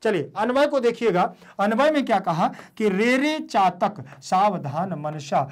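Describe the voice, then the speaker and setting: A man's voice: high-pitched, sing-song, a little slow. A man giving an online lesson and walking students through a Sanskrit text. He says each meaning twice and keeps asking questions he then answers himself. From India. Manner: repeats each meaning and asks rhetorical questions. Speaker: teacher.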